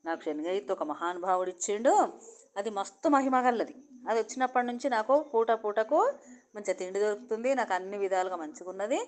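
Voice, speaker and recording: A woman voicing a desperate male beggar who laments and pleads loudly. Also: medium pitch, fast, lightly acted. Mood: lamenting.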